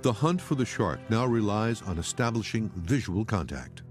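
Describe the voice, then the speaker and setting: Low-voiced man narrating a documentary over music. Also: sing-song, moderate pace. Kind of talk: scripted narration. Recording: loud music under the voice.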